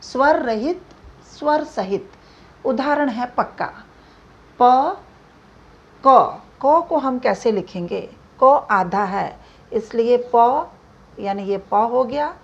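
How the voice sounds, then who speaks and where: Woman teacher for a grammar class, slow and deliberate, fairly high voice, dull lo-fi sound. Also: expressive. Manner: slow, deliberate, spells out examples. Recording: dull lo-fi recording.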